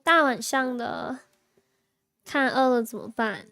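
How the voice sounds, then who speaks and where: A woman's voice: high voice, slow, bright, forceful tone. A young woman streaming live, chatting casually with her viewers, reacting and laughing often while answering chat.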